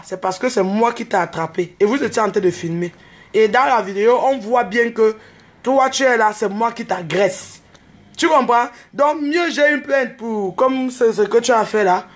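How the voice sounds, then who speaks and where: Animated woman ranting. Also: a little high. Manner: animated storytelling, mixing in street slang; exclaims and calls out to others. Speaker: online video host. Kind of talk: unscripted direct-to-camera rant.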